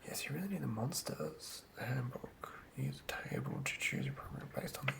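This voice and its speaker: Wildly swooping pitch marks this man's creaky, medium-pitched voice, delivered at a moderate pace. The ASMR channel host whispers casually while writing tabletop game monsters, thinking aloud and frequently murmuring words once more.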